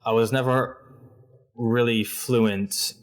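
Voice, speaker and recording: A man's voice: medium pitch, fairly even intonation, slow. A young man from Hong Kong, a guest in a casual interview, talking thoughtfully about himself with a self-deprecating humor and many restarts. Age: young adult.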